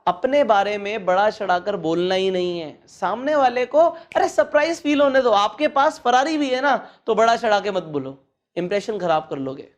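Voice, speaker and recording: A man's voice: high-pitched, expressive, normal speed. A man giving casual etiquette advice, slipping English phrases into his talk and counting off numbered points. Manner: acts out bad habits in a mocking voice. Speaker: etiquette coach.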